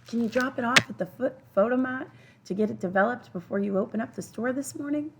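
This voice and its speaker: A woman voicing an eager young boy who rushes in out of breath, reading a children's storybook aloud. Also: fairly high pitch, slightly rough, pitched above the performer's own voice. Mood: excited. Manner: breathless, urgent calling.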